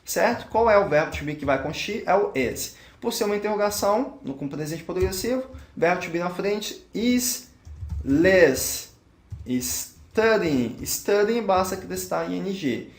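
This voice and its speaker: A man's voice: sits high, normal speed, hardly any pauses, roomy sound. A man with a Brazilian Portuguese accent, an English teacher working through a grammar exercise aloud and checking each answer.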